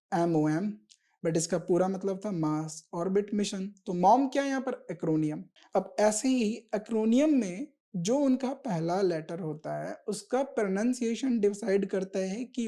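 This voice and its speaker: A woman teacher leads an exam-prep grammar lesson in a mellow, warm-toned voice at a middle pitch. She explains patiently, step by step, and keeps checking that her listeners follow.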